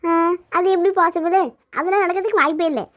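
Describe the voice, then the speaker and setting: A woman voicing a sharp-tongued, teasing young woman in a cartoon, firing back quick mocking retorts. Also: extremely high pitch, no echo, clean studio sound. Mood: sassy. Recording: dull lo-fi sound.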